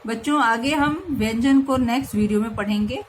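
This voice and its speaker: A woman teacher giving a slow grammar lesson to young children, patiently spelling out each sound. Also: fairly high pitch, noisy background.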